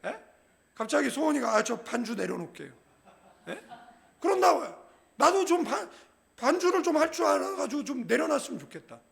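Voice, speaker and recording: Middle-aged pastor, man, high and gravelly, lively jokey sermon with constant call-and-response to the congregation. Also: brisk. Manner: humorous, conversational preaching with frequent call-and-response "예?"; acts out quoted people in a lower, softer voice. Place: church sanctuary.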